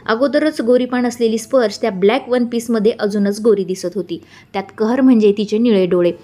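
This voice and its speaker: A woman narrating a romance story in an even, calm reading voice. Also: medium pitch. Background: faint background music.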